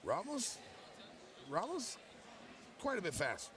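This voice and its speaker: A man's voice: high voice, huge pitch swings, takes it slowly, crowd noise. A man giving live play-by-play commentary on a fight.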